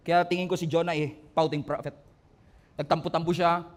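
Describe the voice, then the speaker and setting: High-pitched guy pastor preaching, gets loud and emphatic then jokey. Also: level tone, brisk, a little hiss or hum. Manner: preaching in mixed Tagalog and English, rising to emphatic peaks; humorous storytelling with laughs. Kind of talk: sermon.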